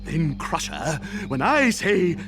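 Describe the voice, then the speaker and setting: Pompous cartoon crocodile king: scheming comic villain, wildly swooping delivery, savours words slowly, music underneath. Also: fairly high pitch, wildly swooping pitch, exaggerated voice. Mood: commanding. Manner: pompous, theatrical, drawn-out words and sudden outbursts. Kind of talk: exaggerated cartoon villain acting.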